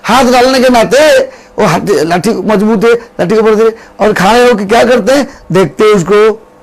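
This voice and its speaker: A man is preaching a devotional sermon, acting out a story as he goes. His voice sits very high and carries a gravelly fry. He repeats his phrases and chants verses slowly. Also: low-quality recording.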